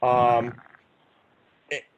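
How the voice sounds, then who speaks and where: A man chairing a town board of finance meeting over a video call, speaking in a measured, steady way with frequent fillers. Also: mid-range voice, a little hiss or hum, low-quality recording. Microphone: computer mic on a video call.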